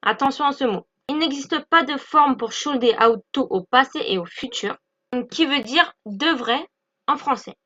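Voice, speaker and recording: A woman's voice: high voice, moderate pace, bright, forceful tone. A woman explaining an English grammar lesson, patient and repetitive, checking in often with her listeners. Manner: patient, repeats points with "d'accord?" checks. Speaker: English teacher. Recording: dull lo-fi recording.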